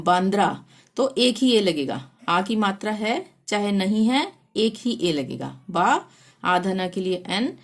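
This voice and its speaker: A woman teaching a lesson, patiently explaining spelling step by step and sounding out letters one at a time. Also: medium pitch. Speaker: Hindi teacher.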